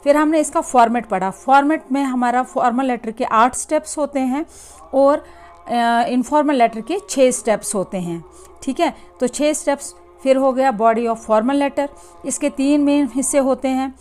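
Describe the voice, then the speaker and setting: Hindi-speaking woman teacher, slightly high voice. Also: darkish tone, soft background music. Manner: mixes Hindi and English, slow deliberate English phrases, frequent "theek hai" checks. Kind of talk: classroom lesson explaining slides.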